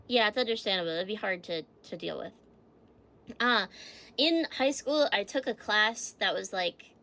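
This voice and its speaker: A woman's voice: medium pitch, gravelly, a bit bright. A woman streamer in casual livestream chat, giggling as she reads facts aloud and answers her chat. She sounds a little stuffy from allergies.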